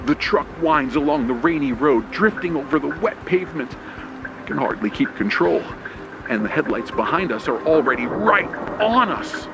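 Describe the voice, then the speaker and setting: Expressive and somewhat high-voiced, a man tells a first-person horror story at normal speed in an old radio play manner, tense, suspenseful and clipped. The audio has its highs cut off and a noisy background of loud rain, thunder, storm and engine effects.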